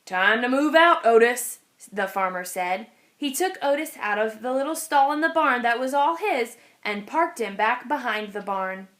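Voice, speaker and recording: A woman narrates a children's picture book aloud at normal speed, her voice on the high side and her style expressive, like a storyteller.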